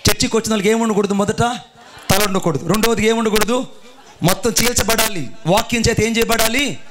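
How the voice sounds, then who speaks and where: A man's voice: sits high, a little fast. A male pastor preaching a sermon, telling a story and calling on the congregation to answer and clap. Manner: animated preaching with audience call-and-response.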